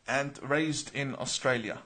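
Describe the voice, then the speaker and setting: In a mid-range voice that sounds pushed and bright, a man from Iraq takes his time answering viewers on a live Q&A stream. He reads each name and comment aloud first, responding earnestly amid many uh's and repeated words.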